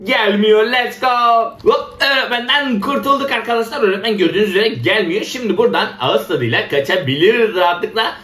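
Excitable high-voiced man, a bit under the weather. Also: fairly quick, few pauses, echoey room. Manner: excitable, exclaiming, laughs often, talks to viewers. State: slightly ill, voice a bit rough. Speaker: gaming channel host. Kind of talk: excited game commentary.

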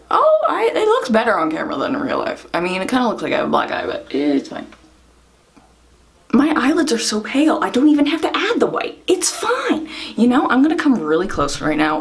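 A young woman from Ireland chatting casually in a makeup vlog, rambling and self-deprecating with frequent giggles. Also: medium pitch. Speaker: vlogger.

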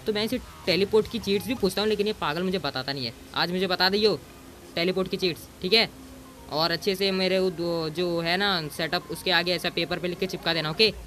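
Bossy, bright-voiced man narrating gameplay. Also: high voice, fairly quick, a little hiss or hum. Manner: bossy and teasing, mixes in English exclamations. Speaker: gaming YouTuber. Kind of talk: casual gameplay commentary.

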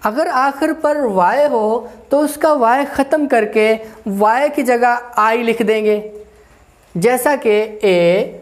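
A woman teaching an English grammar lesson, explaining slowly, repeating herself and spelling words out letter by letter. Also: on the high side. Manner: slow, repetitive, spells out letters one by one.

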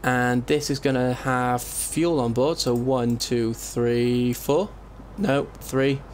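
A man's voice: medium pitch, steady tone, slow, darkish tone. A man giving casual gameplay commentary, rambling and thinking aloud, often interrupting himself. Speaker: let's play host. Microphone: compressed desktop microphone, voice-over. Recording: faint room noise, keyboard typing, compressed mic. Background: keyboard typing and background noise.

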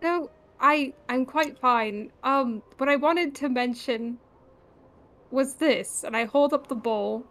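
A woman's voice: high voice, slow, fairly bright tone, full character voice. A woman playing a nervous, polite adventurer cook who talks in a hesitant, flustered way.

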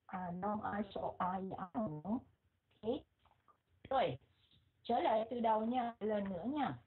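Slow-speaking woman teacher, Vietnamese accent. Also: mid-range voice, animated, breathy edge. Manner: repeats words slowly, mixing English and Vietnamese. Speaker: English pronunciation teacher. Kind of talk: pronunciation lesson, modeling words slowly. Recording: muffled, phone-like lo-fi audio.

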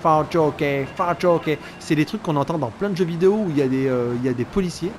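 A let's player with a slightly high voice talks rapid-fire, joking around and speaking to the character he controls. His casual, animated commentary runs over loud game noise of sound effects, sirens and vehicles.

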